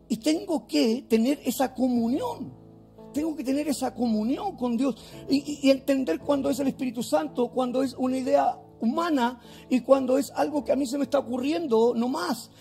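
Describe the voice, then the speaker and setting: High-voiced gravelly man preaching. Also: warm tone. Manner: fervent preaching with rhetorical questions. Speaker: pastor. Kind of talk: sermon.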